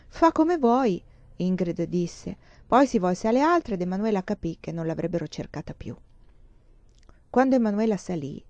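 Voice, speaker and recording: A woman reads a literary novel aloud in a measured, expressive way. Her voice sits at an ordinary middle pitch. The recording is dry and a little dull in tone. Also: no room sound. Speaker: audiobook reader.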